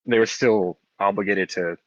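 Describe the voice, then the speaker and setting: A man in casual group chat who sounds like he is on speakerphone, asking hesitant, halting questions over a phone call. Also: fairly low pitch, dry recording.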